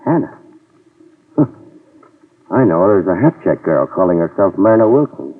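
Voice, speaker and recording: The lead actor narrates as a wry, tough private eye, using a low, sing-song full character voice at normal speed. His dry wisecracking fits the 1950s radio drama style, heard through a tinny, distant old transcription.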